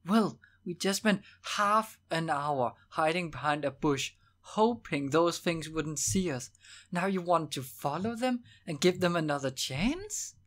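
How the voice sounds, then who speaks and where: A man's voice: fairly high pitch, animated, unhurried, fairly bright tone, pitched above the performer's own voice. A man reading an audiobook, voicing a stubborn young male warrior apprentice who protests in disbelief. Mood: protesting. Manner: incredulous, protesting.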